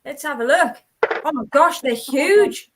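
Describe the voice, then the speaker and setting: A woman's voice: sits high, animated, a little slow, a little hiss or hum. A woman in casual group chat who reads out comments and adds short remarks. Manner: brief interjections, reads comments.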